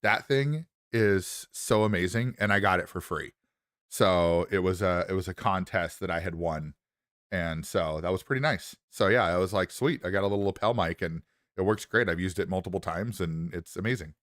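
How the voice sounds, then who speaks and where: A man's voice: low voice, moderate pace, a bit bright, dry recording, studio quality. A man streaming casually in a groggy morning voice, rambling upbeat into a lapel mic. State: low morning voice. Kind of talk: casual livestream chat.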